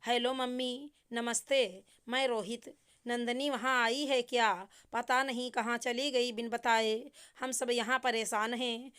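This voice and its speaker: A woman's voice: on the high side, steady tone, fairly bright tone, clear, resonant tone. A woman voicing a polite, worried young husband speaking respectfully to his mother-in-law. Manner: respectful, rushed explaining.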